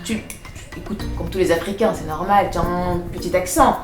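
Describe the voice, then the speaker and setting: A woman's voice: fairly low pitch, normal speed, echoey room, far from the mic, over music, close to an everyday voice. An actress playing a prim, fussy young woman who lectures her new roommate about noise and manners. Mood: lecturing. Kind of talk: web series acting.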